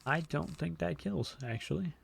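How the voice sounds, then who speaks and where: A man's voice: fairly high pitch, lively intonation, moderate pace, vocal fry, soft background music. A young man casually commentating his gameplay, thinking aloud and chuckling at himself. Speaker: gamer, host of a walkthrough series.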